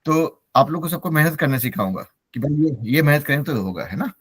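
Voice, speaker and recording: A man's voice: fairly high pitch, expressive, fairly quick, slightly rough, no room sound. Hindi-speaking man teaching English. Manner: switches between Hindi and English, encouraging. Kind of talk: online class instruction.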